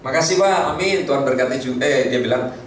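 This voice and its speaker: A middle-aged pastor from Tegal, telling stories in a chatty sermon and speaking to the congregation. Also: male voice, mid-range voice, fast talker, far from the mic, a little hiss or hum. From Tegal, Central Java. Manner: storytelling, lively, chatty asides to the congregation. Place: church hall. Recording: echoey hall, mic from afar.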